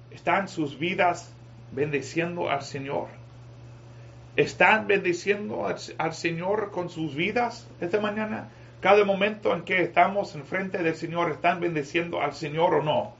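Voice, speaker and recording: A man preaching a sermon to a congregation, rising to shouted climaxes. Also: sits high, measured pace, gravelly, highs cut off, a little hiss or hum. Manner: rises to shouting climaxes, addresses congregation as brothers.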